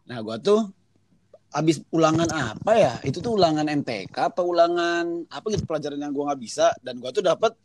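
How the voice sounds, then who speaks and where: High-voiced young man, swears nonstop. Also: a little fast. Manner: swears constantly, lively and self-mocking while telling an embarrassing childhood story. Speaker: storyteller in a casual chat. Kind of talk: casual chat.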